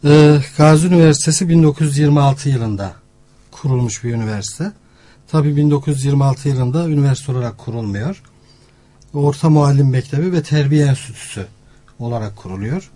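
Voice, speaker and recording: A man, a professor and centre director, giving formal informational interview answers in measured phrases with pauses. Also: mid-range voice, mellow.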